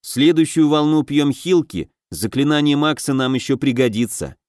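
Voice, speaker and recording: A man reading the part of a quick-tempered young raid leader, shouting commands at his team in a higher, louder voice. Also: expressive, no room sound, studio quality, natural voice. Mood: commanding urgent.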